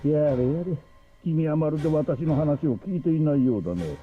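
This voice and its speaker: A man's voice: on the high side, lively intonation, quick pace, warm tone, close to an everyday voice. An actor voicing a cruel, scheming middle-aged man in a game, mocking and condescending, heard as muffled game audio with music behind. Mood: smug. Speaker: game character.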